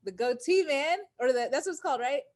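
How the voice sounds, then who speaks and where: A woman's voice: high-pitched, animated, quick pace. A woman hosting a live-stream interview over a video call, upbeat and speaking straight to her viewers. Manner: upbeat, addresses viewers directly. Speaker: host.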